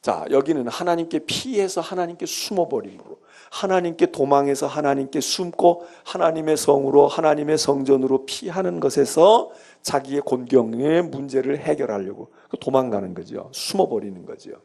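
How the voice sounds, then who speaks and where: Male pastor preaching in church, chatty but emphatic, keeps repeating his points, raspy gravelly voice. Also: mid-range voice, expressive, normal speed, dark tone. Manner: conversational and emphatic, repeating key phrases. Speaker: senior pastor. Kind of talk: sermon-style Bible lecture.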